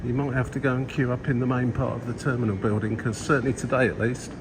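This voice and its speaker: A man's voice: mid-range voice, steady tone, fast talker, background noise. A man giving casual, rambling travel vlog commentary in a chatty, hesitant way. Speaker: travel vlogger.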